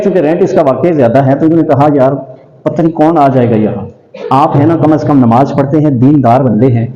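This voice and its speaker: A man preaching in an earnest, admonishing way, his voice mellow and raised a little high. The sound is dull and lo-fi, with a long echo from a large hall. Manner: earnest, admonishing, slips into Punjabi. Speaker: religious scholar. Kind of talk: sermon-style talk with anecdotes.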